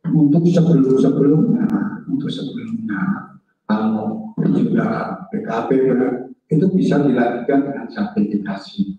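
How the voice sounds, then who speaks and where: A man explains things slowly on a webinar, pausing and restarting as he goes. His voice comes through with a heavy echo on the call audio. The sound is dull and low-fidelity, as if the mic sits far from him. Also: mellow. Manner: slow, explanatory, with many pauses and restarts. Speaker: webinar speaker. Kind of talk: answering questions on a webinar. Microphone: video call. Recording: echoey, distant, lo-fi call audio.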